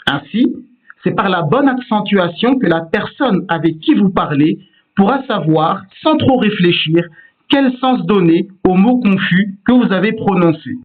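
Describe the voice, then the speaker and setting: A man with a high, expressive voice gives a measured-paced, patient lesson as a Hebrew teacher on how words are stressed, pronouncing every example himself. The recording sounds tinny, much like a phone.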